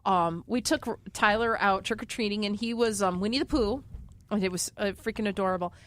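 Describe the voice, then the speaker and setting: A woman's voice: medium pitch, a little fast. Chatty middle-aged woman telling family stories. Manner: chatty storyteller, laughs often. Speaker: podcast co-host. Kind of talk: casual chat.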